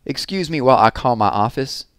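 A man reading aloud, voicing a commanding, easily outraged female official who gives brisk orders. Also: medium pitch, lively intonation, clear, resonant tone, no room sound, studio quality, pitched above the performer's own voice, close to an everyday voice.

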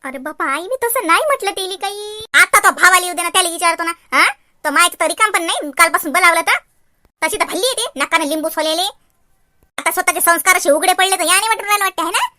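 A woman voicing a fierce older village mother-in-law in a cartoon, scolding loudly. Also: lively intonation, quick pace, exaggerated voice. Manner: scolding, shrill and loud. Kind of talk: cartoon voice acting.

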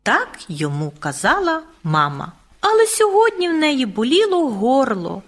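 Slow, sing-song woman reading a kids' story. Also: on the high side. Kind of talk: children's radio story reading.

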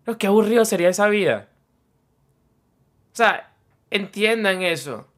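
A man's voice: high-pitched, lively intonation, normal speed, a bit bright. A young man streaming, chatting casually in a rambling way, playfully boastful and mock self-pitying.

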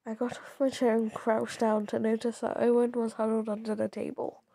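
A young woman, a bit hoarse, reading a story aloud and stopping to react in a chatty, giggly way with many restarts. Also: a little high, monotone, moderate pace, warm tone, no echo. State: slightly hoarse. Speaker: YouTuber reading stories.

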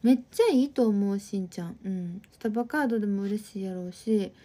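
A woman's voice: medium pitch, fairly quick, mellow. A woman in her twenties with an Osaka accent, hosting a livestream and chatting friendly with viewers while reading their comments. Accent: Osaka dialect. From Osaka, Japan. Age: 20s. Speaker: livestream host.

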